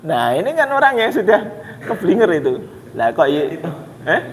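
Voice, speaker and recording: A man's voice: high-pitched, very animated, normal speed, crowd noise. A man with a Javanese accent giving a storytelling sermon at a mosque, talking in a folksy, conversational way and addressing his listeners directly. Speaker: preacher. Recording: echoey mosque hall.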